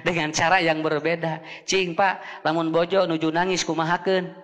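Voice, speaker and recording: High bright Sundanese preacher in a hall. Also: male voice. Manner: switches between Sundanese and Indonesian, jokes with the congregation. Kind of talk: humorous sermon. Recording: long hall reverb.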